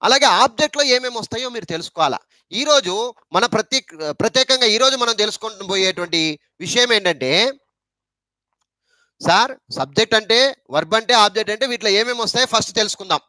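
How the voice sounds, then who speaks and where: A man's voice: high voice, lively intonation, fast talker, pauses often, bright, forceful tone, no room sound. A man with a Telugu accent teaching an English grammar lesson, repeating points and asking rhetorical questions.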